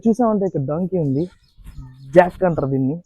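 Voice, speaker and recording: A man's voice: fairly high pitch, lively intonation, brisk, warm tone, no echo, lo-fi sound. Chatty man vlogging at an animal park. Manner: chatty, talks playfully to the animals. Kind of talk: casual vlog narration.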